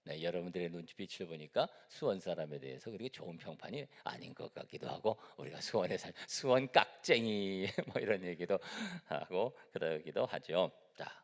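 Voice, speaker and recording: Middle-aged pastor guy from seoul, preaching in a church, swoopy lively voice, echoey hall. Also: low-pitched, normal speed, creaky, hardly any pauses. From Seoul, South Korea. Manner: conversational preaching, asks the congregation questions. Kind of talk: sermon. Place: church sanctuary.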